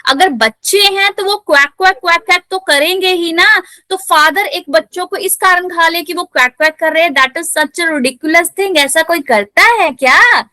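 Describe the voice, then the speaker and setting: Bright high-voiced woman teacher. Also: no echo. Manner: explains in Hindi, reads English text slowly; lively, playful asides to students. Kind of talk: chapter explanation lesson.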